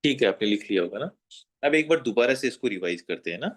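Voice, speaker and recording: A man's voice: mid-range voice, animated, fast. A man teaching a German lesson at a whiteboard, patiently repeating each sound and checking that students have written it down. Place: classroom with whiteboard.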